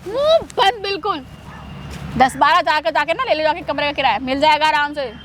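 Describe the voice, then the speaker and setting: A woman's voice: high-pitched, fairly even intonation, fast, a bit bright. A young woman arguing defiantly and mockingly on a city street in a staged skit. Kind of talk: heated street-skit argument. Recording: street noise behind.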